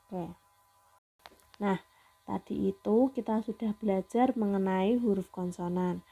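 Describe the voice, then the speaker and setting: A woman teaching a Mandarin lesson to students, slowly modeling sounds for them to repeat. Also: medium pitch, steady tone, vocal fry, mellow. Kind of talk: online class lesson.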